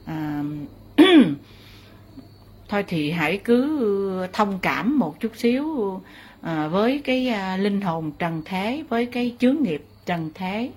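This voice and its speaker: A woman's voice: medium pitch, lively intonation, takes it slowly, darkish tone, husky. Rambling woman medium. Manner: rambling, full of fillers and exclamations. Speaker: spirit medium. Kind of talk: spiritual session talk.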